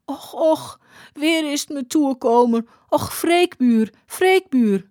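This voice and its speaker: A woman voicing a drunk, bewildered young woman who pleads and wails in a high, plaintive voice. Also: expressive, measured pace, darkish tone, dry recording, studio quality.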